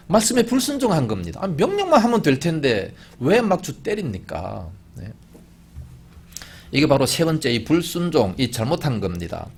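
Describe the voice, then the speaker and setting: Man, middle-aged pastor, sermon, husky, animated pitch swings, emphatic rhetorical questions. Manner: emphatic preaching with rhetorical questions and sudden loud rises.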